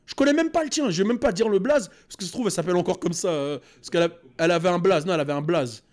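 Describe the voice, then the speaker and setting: A man host telling a personal story in a casual, animated, slangy way, with many restarts and repeats. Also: sits high, rapid-fire.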